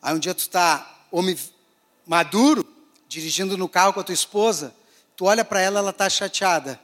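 A male pastor preaching a sermon, swinging between raised, emphatic phrases and hushed, quiet ones. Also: sits high, moderate pace. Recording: long hall reverb.

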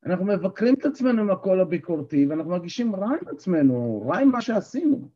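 Guy coaching a workshop group, husky voice, keeps asking questions, dull lo-fi recording. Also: sits high. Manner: animated, asks the group questions. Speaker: NLP coach and therapist. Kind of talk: live workshop talk to a group.

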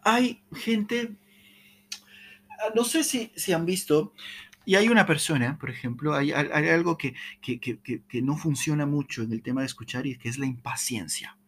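A man giving a motivational talk on communication, checking in often with "¿sí?", repeating and stumbling over words, with dramatic swings in pitch. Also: a little fast, a little hiss or hum. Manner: repeats "¿sí?" to the audience, animated. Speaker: speaker on communication.

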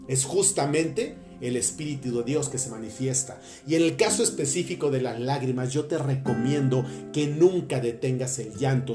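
A man gives a heartfelt spiritual talk in a fairly high, mellow voice, speaking directly and intimately to the listener. The room is echoey, and soft guitar plays underneath. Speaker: religious speaker.

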